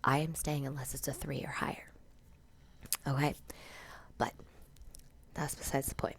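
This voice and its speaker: Whispering low-voiced woman with a gravelly edge. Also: level tone, unhurried. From Florida, USA. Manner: whispering quietly throughout. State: sick, sniffly. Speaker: teacher and channel host. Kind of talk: casual how-to vlog. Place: at home in a dark room.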